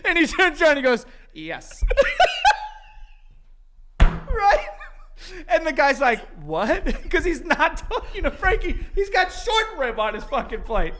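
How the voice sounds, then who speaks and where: A man's voice: extremely high pitch, fairly bright tone, slight background noise. A man co-hosting a podcast, telling stories in a casual, teasing way and laughing through them. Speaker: podcast co-host. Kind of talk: casual storytelling chat.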